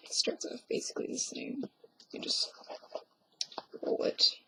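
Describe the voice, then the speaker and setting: A woman's voice: measured pace, poor audio. A young woman whispering through a hands-on craft tutorial at home, with offhand, self-mocking asides. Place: at home, quiet indoors.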